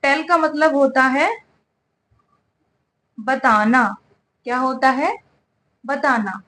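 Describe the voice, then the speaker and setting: A woman's voice: sits high, slow pace, fairly bright tone. A woman teaching English vocabulary, spelling words out letter by letter and checking in with "ठीक है" over and over. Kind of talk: spoken English lesson.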